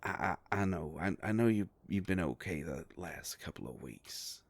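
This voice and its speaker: With a low, gravelly voice and lively intonation, a man plays a warm, protective werewolf PI in an intimate audio drama, talking in a relaxed, folksy manner. The recording is dry, his speed normal, and his mood reassuring and businesslike.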